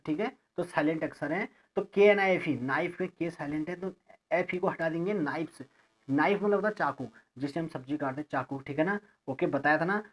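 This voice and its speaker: The recording is lo-fi: a man, his voice a little high, leads an English grammar class. He takes every word slowly, spelling it letter by letter and pausing to check on his students.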